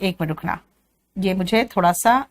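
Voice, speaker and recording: A woman from Bihar teaching spoken English, drilling each word slowly and calling her students "beta". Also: medium pitch. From Bihar, India.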